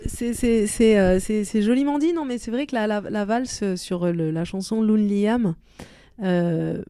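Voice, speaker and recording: A woman speaks at a medium pitch in an unhurried, mellow voice, captured cleanly in a dry recording. Her first language is Arabic, and as a singer-songwriter she discusses her music thoughtfully in a relaxed interview, often restarting while she searches for the right words.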